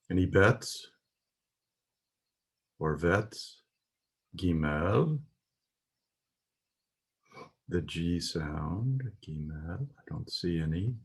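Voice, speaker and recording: Slow, deep-voiced man teaching letters. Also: slightly rough. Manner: patient, methodical, pointing things out in a text. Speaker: Hebrew teacher. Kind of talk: slow spoken alphabet lesson.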